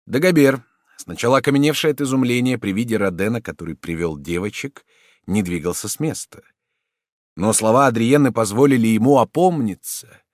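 A man reading a classic novel aloud as an audiobook narrator, measured and dramatic. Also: mid-range voice, dry recording, studio quality. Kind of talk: scripted literary narration.

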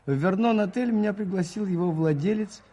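Actor as Father Brown, high, soft-toned, husky priest. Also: a little fast, slight background noise, lightly acted. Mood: gentle, thoughtful. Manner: gentle, hesitant, understated. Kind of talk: radio play storytelling.

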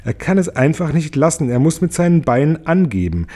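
A prim, self-important blind earthworm from a storybook who grumbles with great dignity, as a man puts him on. His voice rides well above the reader's usual pitch. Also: sing-song, fairly quick, mellow. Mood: complaining. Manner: dignified, complaining. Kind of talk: storybook read-aloud.

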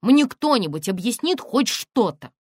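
A woman reader voicing an indignant young woman screenwriter who exclaims and demands answers in a sharp, raised voice. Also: mid-range voice, very animated, normal speed, dry recording, clean studio sound, voice pushed up. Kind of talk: audiobook character reading.

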